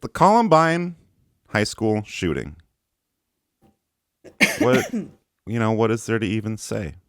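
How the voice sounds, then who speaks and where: A man with a fairly low voice hosts a casual podcast and jokes his way through word clues. His pitch swings widely from line to line. The sound is dry and close to the mic. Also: huge pitch swings, slow, vocal fry, dry recording. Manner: joking, gives playful word clues. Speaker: podcast host. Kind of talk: casual chat.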